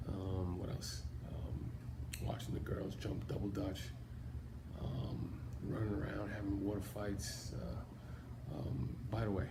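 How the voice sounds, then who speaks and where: Deep creaky guy rambling about old choir memories, lots of ums. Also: flat delivery, takes it slowly, very noisy. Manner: rambling, many fillers. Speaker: former choir member giving a tribute. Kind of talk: casual recorded tribute.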